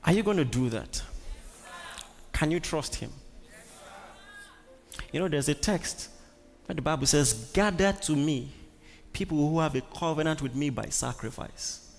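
A pastor with a Nigerian accent preaches emphatically in a large church hall, repeating words and questioning the congregation. His voice is on the high side and expressive, at a measured pace with long pauses, and the recording carries long church-hall reverb.

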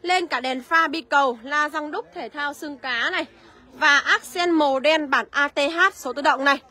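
A woman selling used cars on a live walkaround, listing prices briskly and calling out to viewers by name. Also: sits high, pushed and bright. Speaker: used car seller.

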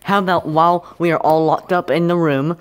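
A woman's voice: on the low side, steady tone, brisk. A woman casually commenting on her plush toy skit video, rambling and filler-heavy with a giggly manner.

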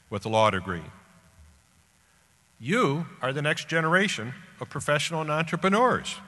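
Around seventy, an American man gives a formal, scripted commencement speech as a guest speaker at a graduation, speaking in deliberate, emphatic phrases into a podium microphone. His mid-range voice has a sharp tone. The echoey public-address sound places him on a large indoor auditorium stage.

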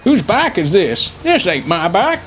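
A man's voice: high-pitched, sing-song, unhurried, fairly bright tone, a little hiss or hum, exaggerated voice. A man voicing a forgetful, cheerful old grandpa war veteran in a folksy, rambling grandpa voice for online game role-play. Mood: confused.

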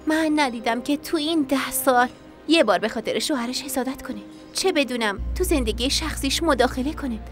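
Female dub actor: earnest worried friend, high-ish voice, music behind. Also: close to an everyday voice. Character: worried woman, longtime friend of the troubled heroine. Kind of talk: Persian dub of a TV drama.

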